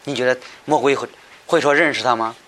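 A man's voice: medium pitch, steady tone, quick pace, fairly bright tone. A man teaching a Bible study lecture, talking hesitantly with many fillers and repeated words, often asking his listeners questions.

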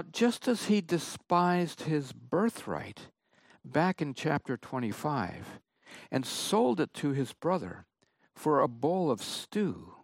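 A man preaching a sermon, reading and explaining scripture in a slow, emphatic way. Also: medium pitch, no room sound, studio quality. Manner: slow, emphatic Bible exposition.

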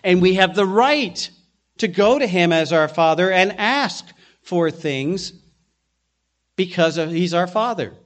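A man in middle age delivers a sermon with a noticeably high pitch for a man. He explains his text earnestly and patiently, often stopping to restart a phrase before pressing on. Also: lively intonation, a little slow. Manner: earnest expository preaching with frequent restarts. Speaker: pastor.

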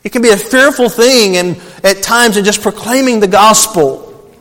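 A man's voice: high-pitched, normal speed, a bit bright, long reverb tail. A male pastor preaching a sermon, telling a personal story earnestly and calling his listeners beloved.

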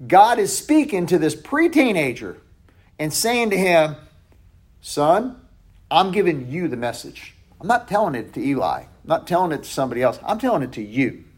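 His voice is a little high and husky as he leads a Bible study conversationally. He frequently restarts and corrects himself, and at times he lowers his voice almost to a hush.

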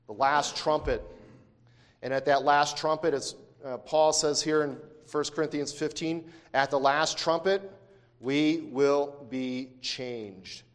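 A man's voice: on the high side, fairly even intonation, a little slow, big-room sound. A man teaching a Bible lesson, reading verses aloud and explaining them with emphatic repetition and frequent self-corrections. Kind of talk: scripture lesson.

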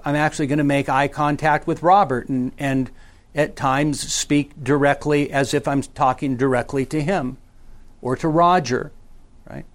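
A middle-aged man teaches a small class on preaching, speaking in a measured, unhurried way with a slightly higher voice. He keeps checking in with his listeners and swings his pitch and pace around for emphasis. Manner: conversational, checks in with frequent "okay?" and "right?". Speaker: pastor teaching a leadership class. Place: church meeting room with a small class.

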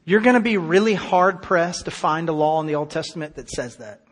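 A man preaching a sermon, reading scripture aloud and stopping to explain it with emphatic, slowed-down stresses. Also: fairly high pitch, animated. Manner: emphatic, slows down on key words; reads scripture aloud then comments. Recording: long hall reverb.

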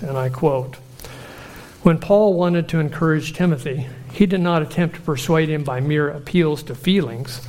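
A man delivers a sermon in a slightly high voice. He speaks earnestly and at a measured pace, drawing out lists of phrases for emphasis. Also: darkish tone. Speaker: preacher.

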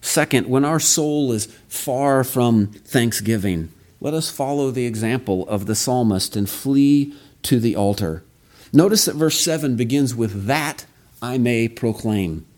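A man preaching an expository sermon in a measured, earnest way, reading scripture and stressing key phrases. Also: mid-range voice, darkish tone.

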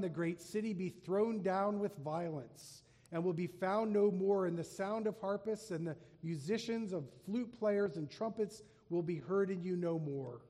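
Preacher in a reverberant hall. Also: male voice, high voice, mellow. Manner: reads scripture aloud with rising emphasis, slowing for weight. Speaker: pastor. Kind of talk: sermon with scripture reading.

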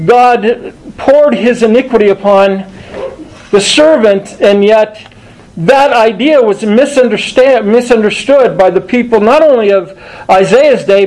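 A man preaching a sermon to a congregation, deliberate and emphatic, often restarting phrases and stressing single words. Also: high-pitched, a little mellow, poor audio. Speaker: pastor.

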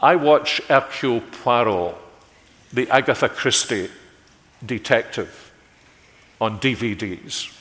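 Slow-preaching man in a reverberant church. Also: mid-range voice, lively intonation. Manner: measured, lets phrases fall away quietly at their ends. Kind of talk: sermon. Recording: long hall reverb.

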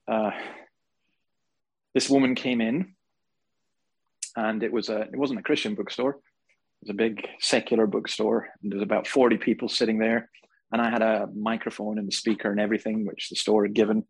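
A man preaching a sermon to a congregation, telling stories with humor and animated emphasis. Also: lowish voice, slightly rough, poor audio. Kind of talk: sermon with storytelling. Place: church hall before a live congregation.

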